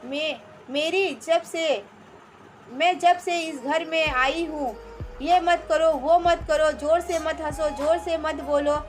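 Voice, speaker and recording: A woman's voice: high-pitched, fairly even intonation, slow pace, faint music behind. A woman reading the lines of a cheerful young wife who answers back to her strict mother-in-law, in a storybook narration. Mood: indignant. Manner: frank, indignant.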